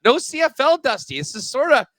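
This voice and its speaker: A man's voice: very high voice, very animated, fairly quick, fairly bright tone, no echo, studio quality. A man on a video call, co-hosting a sports betting show in loose, chatty talk full of um and uh. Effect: remote guest on a video call. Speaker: sports betting podcast co-host. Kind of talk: casual sports betting chat.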